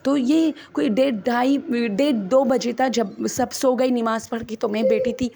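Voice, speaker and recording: A woman's voice: fairly high pitch, vocal fry, dark tone. A woman, chattily retelling a first-person ghost story to her listeners as friends and acting out the quoted dialogue.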